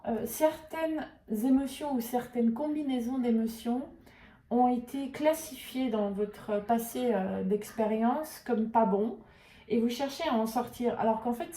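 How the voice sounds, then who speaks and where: A woman with a higher, mellow voice talks through an intuitive oracle card reading, often pausing to search for the right words. Her voice sits a little back from the mic in a roomy space with noticeable echo. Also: recorded from a distance. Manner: hesitant, searching for words with many fillers. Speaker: tarot and oracle card reader.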